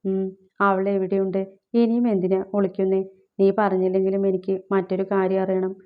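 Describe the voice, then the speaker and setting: A woman's voice: mid-range voice, little pitch movement, normal speed, natural voice. A woman voicing a grieving young husband who pleads bitterly for news of his missing wife, on a slightly dull recording. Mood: pleading.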